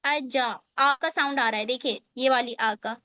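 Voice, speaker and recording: Woman teaching english on a video call, high bright voice, slow careful explaining, dry muffled sound. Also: no room sound. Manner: slow, explains step by step, checks often that students follow. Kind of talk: online spoken English class. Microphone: online video call.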